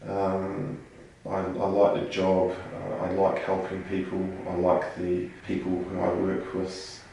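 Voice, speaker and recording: A man in his thirties with a New Zealand accent speaks in a low, flat, gravelly voice. He answers interview questions steadily with frequent ums. The recording sounds very echoey, as if the mic sits across a bare room. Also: far from the mic, a little hiss or hum. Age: 30s. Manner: measured, with frequent ums and restarts. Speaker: police sergeant.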